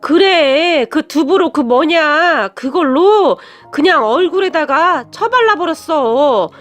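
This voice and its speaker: A woman voicing an easygoing older father-in-law who recounts things slowly and offhandedly. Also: high-pitched, expressive, soft background music. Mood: offhand. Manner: slow, offhand.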